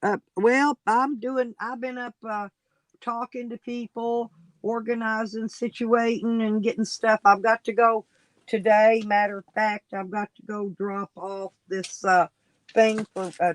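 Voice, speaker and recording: A man's voice: high-pitched, flat delivery, unhurried, a bit bright, rough recording. A man hosting a casual livestream, rambling and coaxing viewers to come on and chat. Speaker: livestream host.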